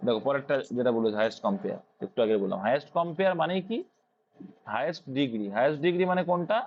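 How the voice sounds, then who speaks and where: A man with a Bengali accent races through an English grammar explanation for students, voice mid-pitched and animated. He raises questions and supplies the answers himself, captured on dull, lo-fi audio.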